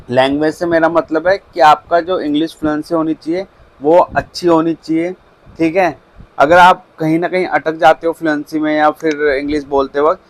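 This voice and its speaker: A man's voice: a little high, low-quality recording. Man giving friendly career coaching. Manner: coaching, often checks in with the listener. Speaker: career advice vlogger. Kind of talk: casual instructional talk.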